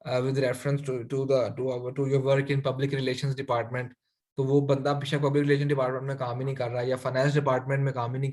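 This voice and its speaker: A man teaching an online finance class, speaking Urdu-Hindi with many English phrases and frequent fillers. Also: on the high side. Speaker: finance instructor.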